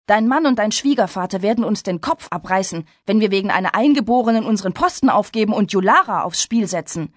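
A woman's voice: medium pitch, expressive, quick pace, hardly any pauses, dry recording, studio quality, lightly acted. A woman reading a story aloud, voicing a blunt, scornful young male farmhand in a raised, urgent voice. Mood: insistent.

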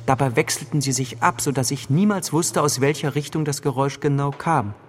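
Brief: male audiobook narrator, mid-pitched, tense dramatic delivery, long reverb tail, faint music bed. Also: fairly quick. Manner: tense, dramatic reading with sudden loud outbursts in quoted cries. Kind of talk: scripted first-person narration.

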